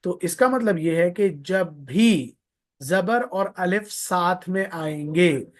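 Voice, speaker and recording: A man's voice: high-pitched, slow. A man teaching Quran recitation in a live online lesson, patiently repeating points, drawing out vowel sounds to demonstrate them and sprinkling in pious blessings.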